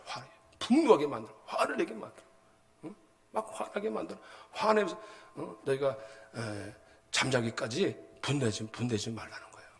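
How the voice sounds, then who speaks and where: A male pastor preaching a sermon in a colloquial, animated way, often prompting the congregation with short asides and acting out everyday stories. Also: medium pitch, creaky. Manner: acts out everyday anecdotes with sound words.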